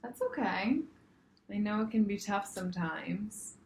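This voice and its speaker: A woman's voice: mid-range voice, measured pace, a little mellow. A young woman interviewing a patient in a mock nurse intake, working through checklist questions and answering with a repeated "very nice". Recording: echoey room, faint noise.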